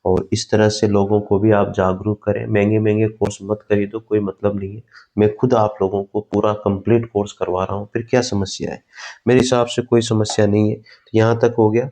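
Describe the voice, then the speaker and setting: A man teaching a Hindi grammar class online, slowly dictating notes, repeating key words and answering his own questions. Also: fairly low pitch, level tone, mellow. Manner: asks the class questions and answers them himself.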